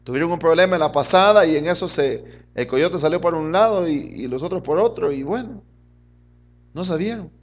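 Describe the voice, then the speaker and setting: A middle-aged man preaching a fervent sermon as pastor, his voice swinging between loud and soft as he keeps addressing the congregation as brother. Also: fairly high pitch, normal speed, dull audio.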